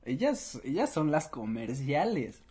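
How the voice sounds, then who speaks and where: A man's voice: fairly high pitch, very animated, unhurried, warm tone, breathy edge. A man with a Mexican accent in a casual chat, playful and stopping to explain slang expressions.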